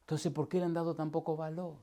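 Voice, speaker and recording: A man, a pastor teaching a preaching seminar to a live audience, asking constant call-and-response questions and swinging from loud to hushed. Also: on the high side, level tone, fast. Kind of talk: lively seminar sermon. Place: church hall with live audience.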